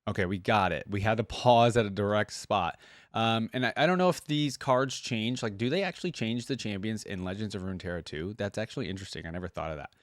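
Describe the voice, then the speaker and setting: A man with a fairly low voice talks fast as a reaction video host, giving casual, slangy commentary on games while thinking aloud. Music from a game trailer and theme plays behind him.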